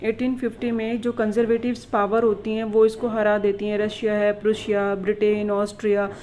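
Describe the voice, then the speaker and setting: A woman teacher going through exam questions with students, reading English questions slowly and explaining them in Hindi mixed with English. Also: medium pitch, completely flat delivery, a little mellow, a little hiss or hum, low-quality recording. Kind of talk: exam revision lesson.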